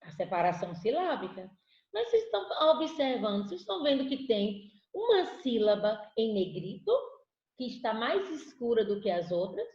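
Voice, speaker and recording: A woman's voice: fairly high pitch, big pitch swings, normal speed, darkish tone. A Brazilian Portuguese-speaking woman teaching an online lesson, patiently asking the class questions and answering them herself. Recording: echoey room, dull lo-fi audio.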